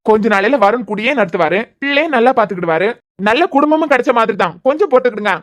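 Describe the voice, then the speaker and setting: A woman's voice: on the high side, expressive, rapid-fire, lightly acted. A woman voicing a sarcastic young man in a cartoon serial, with a Kanyakumari Tamil accent. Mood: sly. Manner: sarcastic, needling questions. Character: shrewd sarcastic young man probing family.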